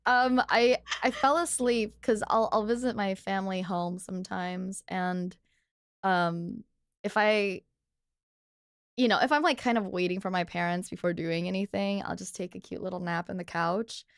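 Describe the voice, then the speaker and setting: A woman's voice: medium pitch, fairly even intonation, normal speed, smooth, no room sound, studio quality. A woman hosting a podcast, telling stories in a casual chat with lots of fillers and laughter. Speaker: podcast host.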